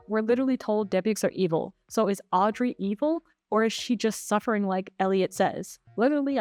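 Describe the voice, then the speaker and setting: A woman's voice: medium pitch, no room sound. A woman narrating a scripted film review in a sarcastic, exasperated tone, swearing freely and firing off rhetorical questions.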